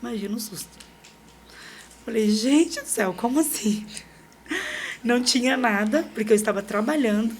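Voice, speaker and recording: A middle-aged Brazilian woman, a podcast guest, telling a personal story in a lively way, acting out what people said and laughing often. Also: on the high side, moderate pace, pauses often, slight background noise. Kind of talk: personal storytelling in a casual interview.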